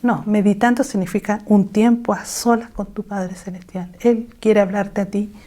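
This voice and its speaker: Woman teaching a warm Bible lesson. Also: medium pitch, steady tone, moderate pace. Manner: exhortative, asks the listeners rhetorical questions. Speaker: women's Bible study teacher. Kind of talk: online women's Bible lesson. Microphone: video call.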